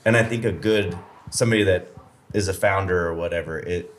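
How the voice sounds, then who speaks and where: A man's voice: low voice, a little fast. A man hosting a pizza podcast, chatting casually and rambling with fillers. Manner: rambling, upbeat, filler-heavy. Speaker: podcast host. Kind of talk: casual interview chat. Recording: faint background noise.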